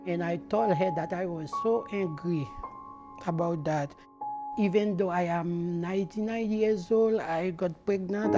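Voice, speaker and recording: A middle-aged Haitian mother speaks slowly in a lowish voice, giving earnest personal testimony in a documentary interview. Her English has non-native phrasing, and instrumental music plays beneath her voice.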